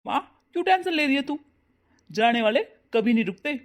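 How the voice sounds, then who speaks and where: A voice actor playing a young husband and protective son in a cartoon, loud and scolding. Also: sits high, expressive, a little fast. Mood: coaxing. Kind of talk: cartoon voice acting.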